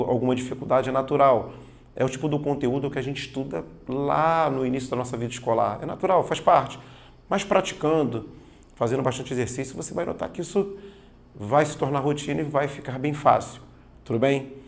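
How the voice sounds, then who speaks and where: A man's voice: mid-range voice, brisk, gravelly. A man teaching a grammar lesson for exam preparation, explaining patiently and often checking that students follow. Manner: patient, explanatory, keeps checking understanding with "tá vendo?" and "certo?"; leans on stressed spoken examples. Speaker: Portuguese teacher.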